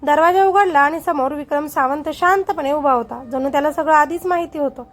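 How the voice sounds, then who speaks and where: High-voiced woman narrating a suspense story. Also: a little fast. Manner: suspenseful, dramatic. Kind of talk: dramatic scripted narration.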